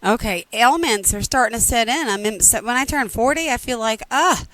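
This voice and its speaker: A woman's voice: on the high side, lively intonation, normal speed, noisy background. A woman in her forties hosting an interview, asking upbeat, chatty questions. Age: 40s. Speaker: host.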